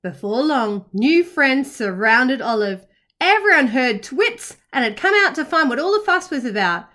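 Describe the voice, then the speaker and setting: Reading a picture book to young children, a woman uses a high, highly animated voice. She keeps a moderate pace and shapes each line carefully and expressively.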